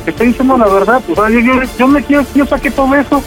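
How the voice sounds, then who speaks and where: A man's voice: very high-pitched, fast talker, over music. A man on a prank phone call, defensively stammering and repeating himself as he denies cheating. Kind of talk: phone argument.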